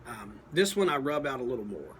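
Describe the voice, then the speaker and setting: Man, mid-pitched voice, casual review, halting and folksy, plain-spoken, noticeable background noise. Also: very animated. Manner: halting, thinking aloud. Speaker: pipe tobacco reviewer. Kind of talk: casual product review, unscripted talk.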